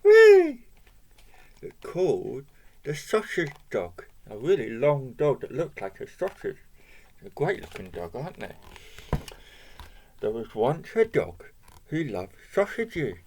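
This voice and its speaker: A man's voice: mid-range voice, very animated, measured pace, a little mellow, a little hiss or hum. A man reading a children's picture book aloud, asking the listener questions and pointing out the pictures. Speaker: storybook reader.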